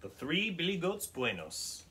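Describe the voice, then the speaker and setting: Slow, lively male storytime reader. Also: on the high side, slight background noise. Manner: asks the listeners questions about the words. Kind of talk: reading a picture book aloud to children.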